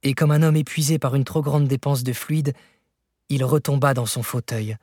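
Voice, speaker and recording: Husky male audiobook narrator. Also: medium pitch, fairly even intonation, moderate pace, a little mellow, no echo, studio quality. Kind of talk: scripted literary narration.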